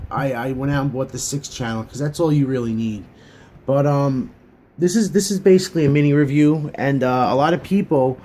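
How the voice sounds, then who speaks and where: A man talking through a casual hobby gadget review at a middling pitch. He rambles in a chatty, earnest way, full of fillers and restarts. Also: darkish tone, a little hiss or hum.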